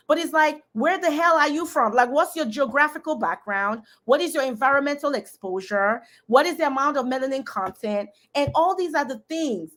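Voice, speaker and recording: A woman with a high-pitched, slightly bright voice hosts a live discussion, speaking casually and emphatically. She laughs often and addresses her audience directly.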